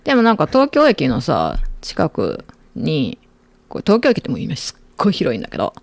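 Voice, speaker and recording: A middle-aged woman, co-hosting a casual chat show and telling stories in an animated way. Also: sits low, fairly quick, creaky, no room sound. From Aichi, Japan. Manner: animated storyteller, lively quoting voices. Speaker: podcast host.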